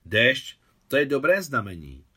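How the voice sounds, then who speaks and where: A man voicing a brisk, bossy young woman who chatters and gives orders to a friend. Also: medium pitch, animated, pushed and bright. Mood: encouraging. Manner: chattering, commanding.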